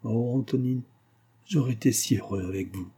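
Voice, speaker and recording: A man's voice: medium pitch, normal speed, mellow, husky, lightly acted. A man playing a grieving middle-aged father, bitter and despairing, speaking in an impassioned, anguished way.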